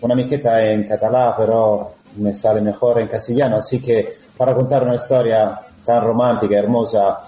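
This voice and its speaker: Italian-accented man, halting and roomy. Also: on the low side, flat delivery, dark tone. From Italy. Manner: halting, with frequent fillers and restarts. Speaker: guest, actor. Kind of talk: conversational interview. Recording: roomy, dull lo-fi sound.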